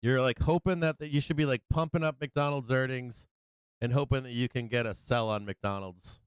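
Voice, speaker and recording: Blunt, jokey man with very smooth, clear voice. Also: medium pitch, steady tone, moderate pace, dry recording. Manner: blunt, profane, slangy; jokey, chuckles often at own remarks. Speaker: host of a live stock market show. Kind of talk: casual live trading commentary.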